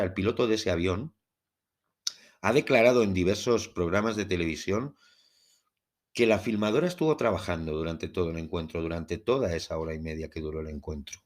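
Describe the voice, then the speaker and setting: A man with a Spain Spanish accent hosting a podcast monologue, speaking in a measured, formal way with literary phrasing, as in part-scripted narration. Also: deep voice. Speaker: podcast host.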